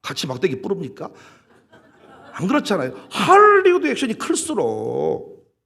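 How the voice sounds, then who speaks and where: A male senior pastor preaching a sermon in an animated, emphatic way, acting out scenes as he goes. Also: high-pitched, moderate pace, gravelly, slightly rough. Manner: animated, emphatic, dramatizes with quoted voices.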